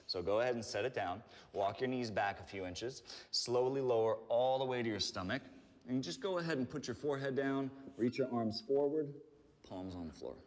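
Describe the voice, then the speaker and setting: A man giving calm, encouraging step-by-step instruction as he leads a guided stretching workout. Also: medium pitch. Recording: reverberant room with long echo.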